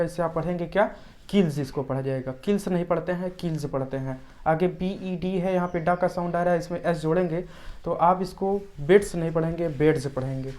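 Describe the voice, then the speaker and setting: A woman teaching English pronunciation in an explanatory lesson. She repeats example words over and over, drilling them slowly. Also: lowish voice, darkish tone.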